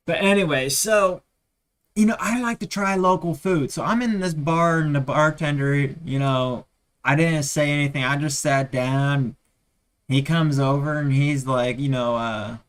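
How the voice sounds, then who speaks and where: A man's voice: mid-range voice, a bit bright. Man from Texas, live-stream host, casual chat, rambling, talkative. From Texas, USA. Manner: rambling, chatty, side comments between anecdotes. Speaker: livestream host.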